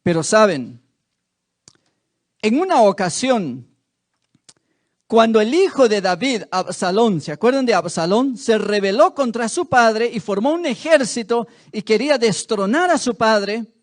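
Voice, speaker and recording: A man's voice: sits high, sing-song, measured pace. A male preacher giving a sermon in a church, telling the story dramatically and asking the congregation rhetorical questions.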